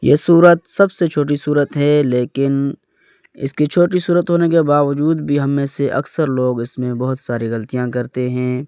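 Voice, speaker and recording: A man's voice: mid-range voice, level tone, warm tone, smooth, no room sound, clean studio sound. A man teaching Quran recitation in an explanatory lesson, patiently repeating words and demonstrating correct pronunciation.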